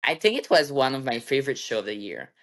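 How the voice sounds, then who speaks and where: A woman's voice: rumbling low, expressive, quick pace. A woman with a French Canadian accent, a podcast guest chatting casually and a little nervously about her bodybuilding seasons. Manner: slightly nervous, chatty with fillers. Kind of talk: casual interview chat.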